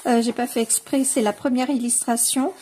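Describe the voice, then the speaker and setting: A woman casually leafing through a coloring book on camera, gushing over the pages with many fillers and slowly sounding out titles. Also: on the high side, steady tone, dark tone, a little hiss or hum. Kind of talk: casual flip-through commentary.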